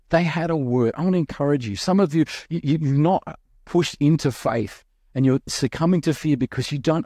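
A young adult male pastor preaching a sermon in an animated, quick way, with restarts and acted-out quotes. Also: fairly high pitch, dry recording, studio quality.

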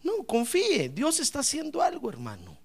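A pastor preaching a sermon in a church, calling listeners brother and rising to shouts from a distance. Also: male voice, very high-pitched, wildly swooping pitch, normal speed.

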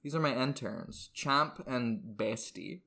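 A man's voice: mid-range voice, expressive, slow, vocal fry, bright, forceful tone, slightly rough, heavily acted. A man playing a brash, irritable, eccentric ad agency boss in a comedy script, volatile and blustering. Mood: deadpan boasting. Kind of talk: comedy script read aloud.

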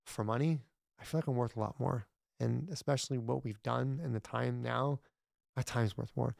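A man's voice: mid-range voice, fairly even intonation, moderate pace, gravelly, a little mellow, dry recording, studio quality. A man talking as a podcast guest in casual interview chat, rambling with many restarts, blunt and sometimes profane.

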